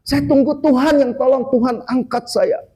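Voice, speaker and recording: A man's voice: extremely high pitch, steady tone, normal speed, dark tone, voice pushed up. A man voicing a stubborn old grandmother stranded on a flooded roof, pleading and insisting she will wait for help.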